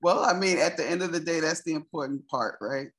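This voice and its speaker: A woman's voice: low-pitched, fairly quick, slightly rough. A woman co-hosting a casual conversation, sympathetic and often murmuring agreement.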